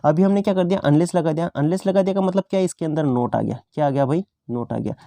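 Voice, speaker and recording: Guy teaching grammar, keeps asking and answering himself, kinda high but mellow voice, dry sound. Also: gravelly, dry recording. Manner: repetitive teacher's questions and answers, slows down on English examples. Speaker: English teacher. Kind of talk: exam-prep grammar lesson.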